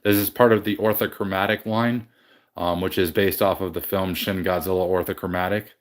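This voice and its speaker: His voice sits low with a steady tone, and he talks fairly quickly while hosting a casual livestream from his home game room. He greets viewers and meanders through his collection, frequently correcting himself and starting over.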